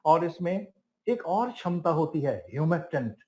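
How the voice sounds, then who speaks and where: A man leads a product class in a fairly high voice. He leans hard on each item as he lists them, pauses on single words and speaks to his listeners as friends. His questions are answered straight away by himself. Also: animated, darkish tone, poor audio. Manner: emphatic, lists items one by one with rising stress. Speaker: product trainer. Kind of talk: product training talk.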